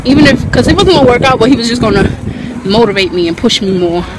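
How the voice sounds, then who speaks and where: A woman's voice: on the high side, animated, quick pace. A young woman, chatting casually for her vlog while walking home, laughing often and using street slang. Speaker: vlogger. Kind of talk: casual chat. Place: walking outdoors on a city street. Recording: street traffic noise.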